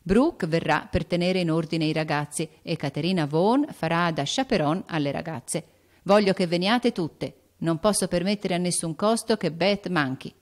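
A woman's voice: fairly low pitch, moderate pace, natural voice. A woman voicing a cheerful, playful teenage boy's letter in an audiobook. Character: cheerful rich teenage boy writing a letter. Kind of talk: audiobook character voice.

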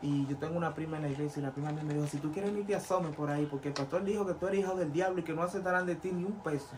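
A Dominican-accented man, a former pastor who became a vodou priest, tells his story as a guest in a casual interview. His fairly high-pitched voice races along very fast, and he animatedly acts out other people's voices while retelling events. The recording has a noisy background.

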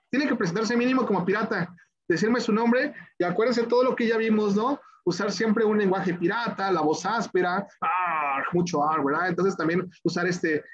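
A man, a teacher trainer hosting a children's event over a video call, talking in an animated, coaxing way and repeating himself. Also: high voice, husky, dull audio. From Mexico. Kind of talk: lively online workshop hosting.

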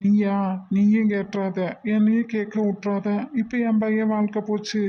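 A woman's voice: medium pitch, monotone, moderate pace, lo-fi sound, close to an everyday voice. A woman voicing a stern, weary parent of the groom in a cartoon, with a Kongu Tamil accent and a blunt manner.

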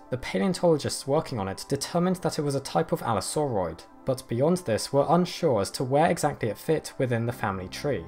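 A man narrating a scripted nature documentary in a measured, explanatory way. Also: medium pitch, a little mellow. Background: background music.

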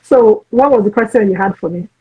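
A woman's voice: mid-range voice, fairly quick, breathy edge, phone-quality sound. A woman in her forties hosting a casual video-call interview, frank and chatty, often restarting her sentences. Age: 40s. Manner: chatty, frank, talks over herself with restarts. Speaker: host.

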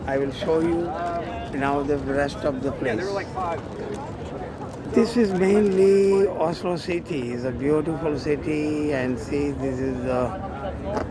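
A middle-aged Indian man with an Indian accent, a vlogger and matchmaker, films a casual selfie travel vlog in an open city square, holding his phone at arm's length. His fairly high voice comes in halting, repeated short phrases. Loud outdoor noise surrounds him, with urban ambience and passing vehicles.

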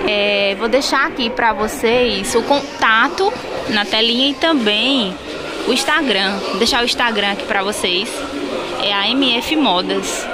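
A chatty woman filming a shopping vlog at a market stall, asking sellers for prices and showing dresses to her viewers. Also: a little high. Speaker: vlogger. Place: busy indoor market stalls. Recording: loud crowd noise from a busy market. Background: loud market crowd.

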